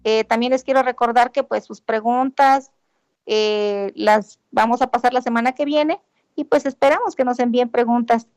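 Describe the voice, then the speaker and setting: A woman's voice: on the high side, steady tone, normal speed, darkish tone, no room sound. A woman hosting a community radio show, thanking guests and staff with many filler words. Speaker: radio host.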